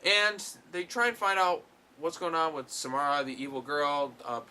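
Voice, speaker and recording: A man's voice: a little high, animated, moderate pace, pushed and bright, clean tone. A man giving a casual, rambling film review, full of fillers and blunt swearing. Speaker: movie reviewer.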